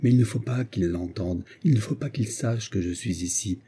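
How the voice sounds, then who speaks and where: A man voicing an agitated, tipsy, timid male doctor who pleads in a hushed, fretful way. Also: lowish voice, moderate pace, breathy edge. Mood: pleading.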